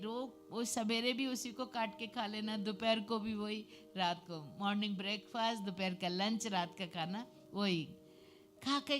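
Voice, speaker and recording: A woman gives her personal testimony before a congregation in a fairly high voice. She tells the story in a lively way and breaks into emphatic hallelujahs. Soft music plays faintly in the background. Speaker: church member giving testimony.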